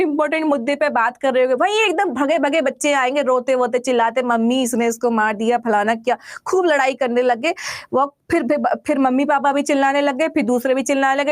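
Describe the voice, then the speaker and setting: High-voiced woman teaching vocabulary. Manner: explains with everyday examples, asks and answers her own questions. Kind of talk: classroom vocabulary lesson.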